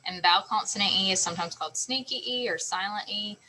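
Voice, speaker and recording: A woman's voice: medium pitch, quick pace, pushed and bright, slight background noise, low-quality recording. A woman teacher explaining a phonics lesson patiently, sounding out letters and syllables step by step.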